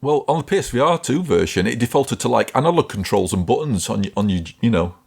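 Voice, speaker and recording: A man's voice: medium pitch, animated, fast, creaky, a little mellow, slightly rough. A man co-hosting a podcast in casual chat, rambling and emphatic, often correcting himself as he talks. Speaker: podcast co-host.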